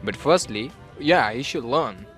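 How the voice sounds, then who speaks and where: Animated man in casual talk. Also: a little slow, soft background music. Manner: animated, acts out puzzled locals in a high voice. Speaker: student interviewee. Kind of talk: casual group interview.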